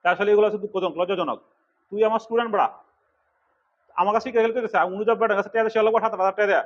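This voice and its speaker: A middle-aged man from Bangladesh, an instructor giving a fast classroom lecture, scolding and urging his students. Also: high-pitched, lo-fi sound. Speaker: computer course instructor.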